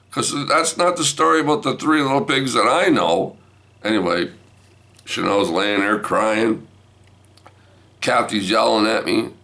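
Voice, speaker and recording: A man's voice: sits low, bright, forceful tone. An older man telling a rambling family anecdote, repeating himself and asking "right?". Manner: repetitive, asks listeners "right?". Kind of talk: rambling storytelling.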